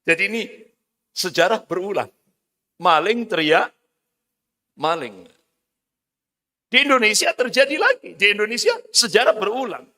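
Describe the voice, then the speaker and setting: A man delivers an emphatic, declamatory sermon as an Islamic preacher, with Quranic recitation. His voice sits high and sounds bright and forceful. A long hall reverb trails his words. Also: very animated, unhurried, long pauses.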